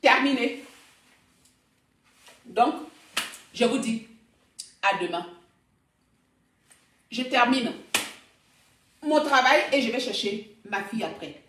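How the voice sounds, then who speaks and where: A woman's voice: fairly high pitch, lively intonation, slow, pauses often, a bit bright, far from the mic, a little hiss or hum. A woman content creator delivering a proud, declamatory vlog rant and repeating her slogans. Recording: roomy echo, voice off-mic.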